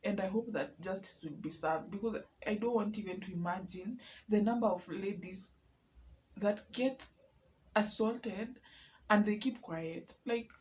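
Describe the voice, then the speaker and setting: Young Kenyan woman, vlogger, upset, mid pitch, faint noise. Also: a little slow, a little mellow, low-quality recording. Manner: upset, fills speech with "like", switches into Swahili. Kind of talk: emotional personal vlog rant.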